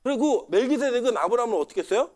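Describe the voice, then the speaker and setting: Male pastor, middle-aged, conversational sermon delivery, animated pitch, throws questions at the congregation. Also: racing. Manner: conversational, asks the congregation questions and acts out quotes.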